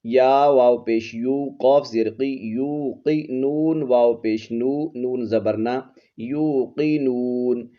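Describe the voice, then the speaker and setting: A man's voice: medium pitch, steady tone, slow. A man teaching Quran recitation, patiently spelling out each letter and vowel before blending the word. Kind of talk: slow letter-by-letter recitation lesson. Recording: slightly dull lo-fi audio.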